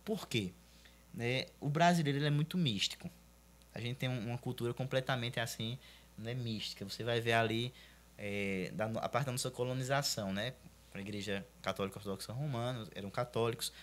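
A man's voice: medium pitch, a little fast, a bit bright. A man with a Brazilian accent, a pastor explaining points in a casual panel discussion with preacherly emphasis.

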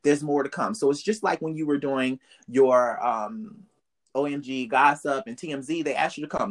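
A podcast host giving uplifting, faith-tinged encouragement in casual slang, speaking straight to the listeners. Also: medium pitch. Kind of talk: motivational interview talk.

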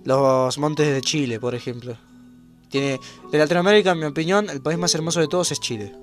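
Joven argentino que habla rápido. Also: male voice, a little high, soft background music. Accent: Argentine Spanish. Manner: jokey, blunt, fast-talking. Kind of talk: casual podcast chat.

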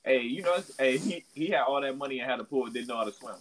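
A man's voice: medium pitch, quick pace, crowd noise, rough recording. Slangy guy cracking jokes on a podcast, other voices going on behind him. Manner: slangy, joking. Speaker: podcast co-host. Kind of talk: casual chat.

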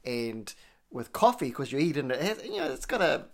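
A man's voice: medium pitch, sing-song, a little fast, gravelly. A man with a New Zealand accent tinged with American, telling coffee history in a meandering, self-correcting way during a casual chat. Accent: New Zealand with some American. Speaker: coffee storyteller.

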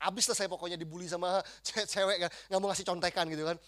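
A man giving a lively testimony as a preacher, acting out quotes and swinging between loud bursts and hushed passages. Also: sits high, very fast.

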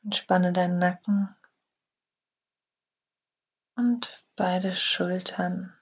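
Soft breathy woman guiding relaxation. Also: lowish voice, steady tone, lo-fi sound. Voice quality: breathy, husky. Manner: slow, soft, half-whispered instructions. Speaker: yoga nidra guide. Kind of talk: guided relaxation meditation.

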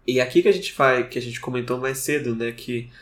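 A man's voice: medium pitch, fairly quick. A man co-hosting a podcast, chatty and wry as he talks through a book's plot. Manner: chatty, wry asides, frequent "né". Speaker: podcast co-host discussing a book. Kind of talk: casual book discussion. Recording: roomy echo.

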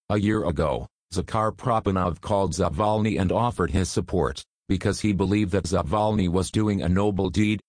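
Deep-voiced man narrating a story. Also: a little mellow, no room sound, studio quality.

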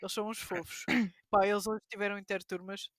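A woman's voice: fast, no echo, studio quality. A young adult woman with a European Portuguese accent, a teacher co-hosting a casual podcast chat, telling stories animatedly and mimicking pupils. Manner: animated storytelling, mimics pupils in high squeaky voices.

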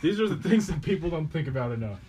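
A young American man with a husky voice co-hosts a podcast in casual, musing, slangy banter, recorded on a phone with a cheap mic sound. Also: fairly high pitch, lively intonation, quick pace, crowd noise. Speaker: podcast co-host. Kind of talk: casual joking chat. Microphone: one shared phone.

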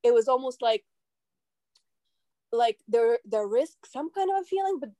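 Guesting on a laid-back podcast, a Russian woman whose first language is Russian speaks thoughtfully, stopping now and then to search for the right word. Her slightly high voice is expressive yet dark in tone, and the close-miked recording is dry.

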